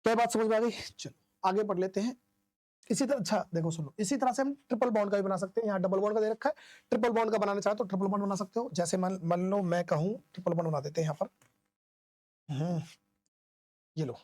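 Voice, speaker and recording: A man's voice: high-pitched, fast talker, darkish tone, dry recording. A male teacher giving a classroom-style lecture. He asks questions, answers them himself and repeats the key terms in an informal, coaxing way.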